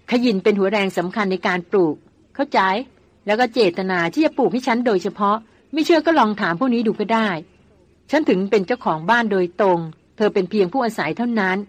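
A woman voicing a spirited young woman doctor who scolds and teases in a quick tongue, in a dry recording. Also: medium pitch, lively intonation, dry recording, close to an everyday voice. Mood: teasing.

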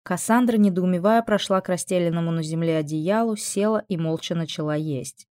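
A woman's voice: lowish voice, brisk, mellow, dry recording. Woman narrating an audiobook, dry sound. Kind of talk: scripted narration.

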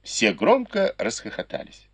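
Husky, animated male audiobook reader. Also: mid-range voice, a little slow, no echo. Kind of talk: expressive literary narration.

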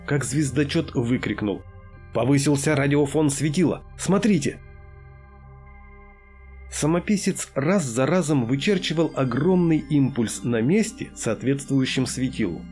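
A man narrating a science fiction audiobook in an even storytelling manner. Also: mid-range voice, normal speed, hardly any pauses. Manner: even storytelling with acted dialogue. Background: faint music.

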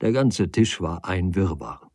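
A man reading a literary novel aloud as an audiobook, in a calm, measured storytelling manner. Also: sits low, no room sound. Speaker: audiobook reader.

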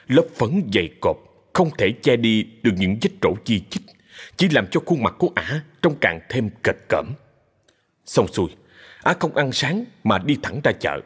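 Man, story narrator, husky low voice, animated intonation, long reverb. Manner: steady, expressive storyteller.

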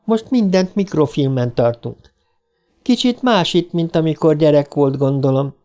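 A man's voice: fairly high pitch, expressive, a little mellow, faint music behind, pitched above the performer's own voice, natural voice. A man voicing a polite, helpful young woman working as a librarian.

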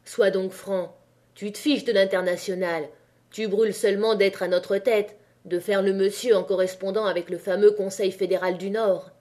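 Bitter male innkeeper, proud and accusing, read by a woman in a mellow audiobook voice. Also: mid-range voice, steady tone, normal speed, close to an everyday voice. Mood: scornful. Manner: heated, accusing.

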